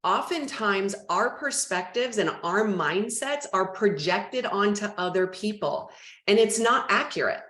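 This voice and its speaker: A woman leading a real estate team training, talking in a chatty, animated way and acting out phone calls. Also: mid-range voice, measured pace, reverberant.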